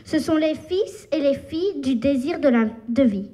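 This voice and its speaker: A woman, a workshop participant, reciting a poem aloud in a measured way. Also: high voice, expressive, warm tone.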